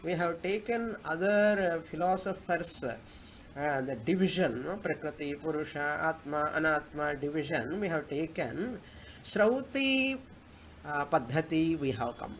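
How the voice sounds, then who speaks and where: A Vedanta teacher with a South Indian accent gives a spoken scripture class that includes chanted Sanskrit verses, teaching by posing questions and answering them himself. His voice is fairly high and a bit bright. The low-quality recording carries clear background noise.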